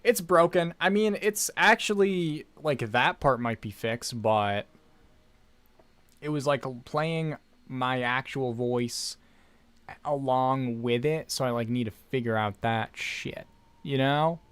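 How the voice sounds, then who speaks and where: A male game streamer chats loosely while he plays, rambling and joking with his viewers. His voice sits at an ordinary middle pitch and his delivery stays casual and unscripted. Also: slow pace, a bit bright, clear, resonant tone, dry recording. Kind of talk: casual live gameplay commentary.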